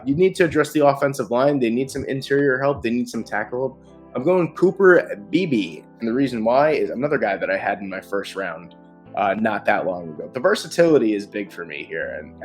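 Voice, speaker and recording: Man, casual sports commentary, eager, quick restarts, faint background music. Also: mid-range voice. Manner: excited, rapid-fire picks with frequent restarts. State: short of breath. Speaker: sports video host. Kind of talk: casual mock draft commentary.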